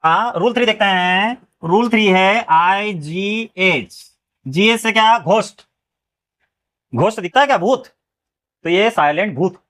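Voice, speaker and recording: Man, high-pitched, phonics teacher, spells words letter by letter, quizzing students. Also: expressive, measured pace, a bit bright. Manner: spells words letter by letter, keeps asking "clear?". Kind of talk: phonics lesson.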